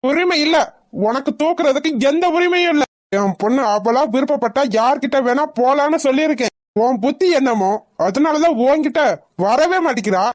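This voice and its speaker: A performer voicing an angry young husband and father who shouts and threatens his wife in a village cartoon. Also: sits high, lively intonation, fairly quick. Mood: furious. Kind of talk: cartoon voice acting.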